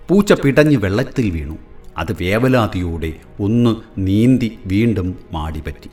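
A man's voice: lowish voice, darkish tone. A man narrating a story for a school lesson in a wry, reflective first-person manner.

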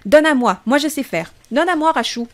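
A woman's voice: high-pitched, animated, moderate pace, pitched above the performer's own voice. A woman voicing a clingy little boy who pleads and whines. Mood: whiny pleading. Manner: pleading, whining.

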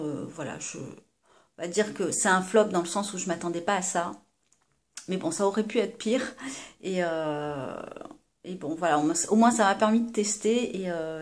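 A woman's voice: medium pitch, a little mellow. Hesitant woman reviewing beauty products. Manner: hesitant, many fillers and restarts; chatty, addresses viewers directly. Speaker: beauty vlogger.

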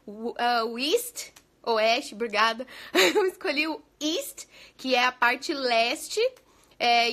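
Her voice sits high and a bit bright. She's a Brazilian woman who teaches English, doing a relaxed live chat from home in the US where she takes viewer questions, laughs a lot, and slips in English phrases.

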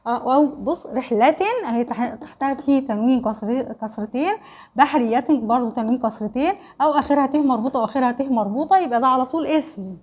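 A woman with an Egyptian accent and a high, darkish voice talks fast while teaching an online Arabic lesson to primary school pupils. She poses questions and answers them herself, checking understanding with quick tags like "خلاص؟" and "ماشي؟".

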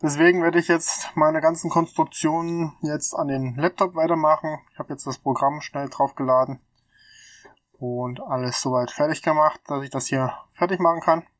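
A man in his thirties with a stuffy cold hosts his channel, casually explaining technical calculations and thinking aloud with fillers. His voice is a little high and steady at a moderate pace, recorded on a laptop webcam mic in a small room with no room sound.

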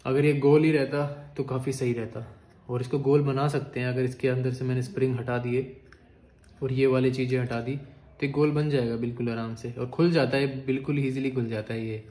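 A man giving casual, excitable commentary on toy battles as a video creator, chatting to his viewers. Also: medium pitch, fairly quick. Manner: chatty, excitable, calls viewers "bhai" and "guys". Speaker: YouTuber. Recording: echoey room with loud noise.

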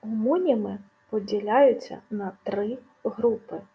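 A woman presenting a scripted video lesson on grammar, explaining clearly and stressing each example word. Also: medium pitch, a little slow, muffled recording. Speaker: language teacher.

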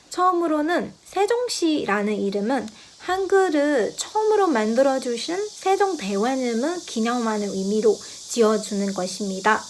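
Higher-voiced young Burmese-accented woman giving a speech. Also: slight background noise. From Myanmar. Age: young adult. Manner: formal, polite presentation. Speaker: student speech contest entrant. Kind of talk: prepared speech in a second language.

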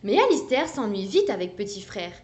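A woman reading a picture book aloud for young children, animated and coaxing. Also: medium pitch, moderate pace. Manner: animated, sing-song and coaxing. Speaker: children's story reader.

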